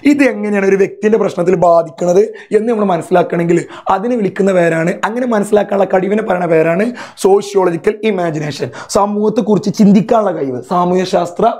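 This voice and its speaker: A man with a notably high-pitched voice teaches an exam revision lesson. He keeps checking in with his students through quick rhetorical questions and explains with homely examples. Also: darkish tone.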